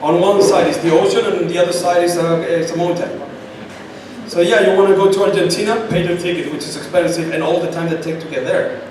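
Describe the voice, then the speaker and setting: This high-pitched man speaks fast with fairly even intonation and a Chilean Spanish accent. Appearing as a guest at a startup event, he answers questions emphatically and repeats points for stress, recorded in a far-off, echoey room with noise.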